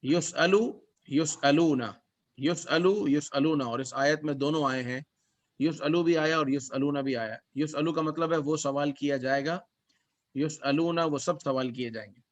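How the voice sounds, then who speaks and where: A man's voice: fairly high pitch, fairly even intonation. Man teaching Arabic, recites then translates. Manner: explains word by word, reciting verses then translating. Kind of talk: classroom lesson. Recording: dull lo-fi recording.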